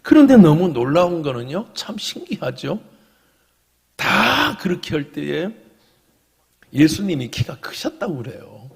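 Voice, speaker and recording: A man preaching a sermon as pastor, swinging from loud proclamation to hushed whispers. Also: on the high side, big pitch swings, unhurried, gravelly, breathy edge, long reverb tail.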